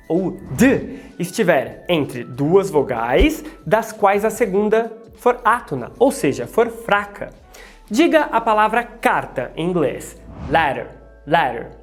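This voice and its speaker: Brazilian lady teacher, brazilian portuguese accent, jokey asides, drills sounds over and over, super lively voice. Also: medium pitch. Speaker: English pronunciation teacher. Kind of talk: playful video lesson.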